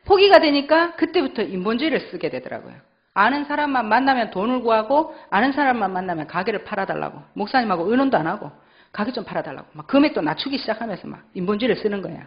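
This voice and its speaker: A middle-aged woman with a Gyeongsang accent tells her story of faith to a church congregation, her pitch rising and falling freely as she relives each moment. She acts out her own past thoughts as she goes. The recording is dull and lo-fi, as if captured on a modest church sound system. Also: big pitch swings, fast talker. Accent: Gyeongsang Korean. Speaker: church elder giving testimony. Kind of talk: personal testimony in church. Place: church sanctuary.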